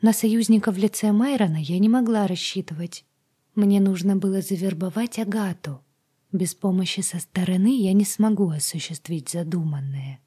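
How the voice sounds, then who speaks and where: A woman narrating a first-person audiobook in a hushed, half-whispered voice. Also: on the low side, slightly rough.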